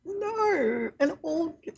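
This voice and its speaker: A woman's voice: very high voice, big pitch swings, slow pace, vocal fry, darkish tone. A woman chatting casually on a game stream and laughing a lot.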